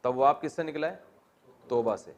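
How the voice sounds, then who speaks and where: A man's voice: medium pitch, lively intonation. A man teaching a Quran exegesis class, explaining Arabic grammar and putting questions to his students with joking asides.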